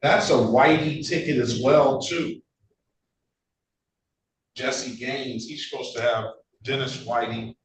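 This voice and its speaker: A man's voice: medium pitch, steady tone. Guy judge reading out cases, courtroom recording, big echo, mic far off, faint hiss. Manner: brisk, procedural, chatty asides. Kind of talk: courtroom proceedings. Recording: echoey courtroom, distant mic, faint noise.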